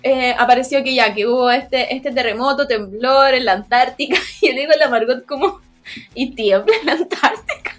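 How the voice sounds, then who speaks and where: A woman's voice: sits high, fairly quick, few pauses, a bit bright. A young woman with a Chilean accent, co-hosting a casual chat with giggly, slang-filled banter. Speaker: podcast co-host.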